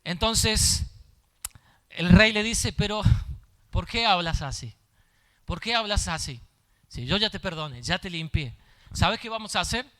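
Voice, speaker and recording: A man's voice: sits high, lively intonation, unhurried, long pauses, sharp tone. A male pastor preaching a sermon, repeating his phrases and building in intensity as he goes.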